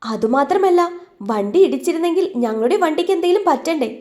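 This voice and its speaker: A woman's voice: high-pitched, lively intonation, fast talker, darkish tone, pitched above the performer's own voice. A woman voicing a blunt, impatient young man who talks dismissively.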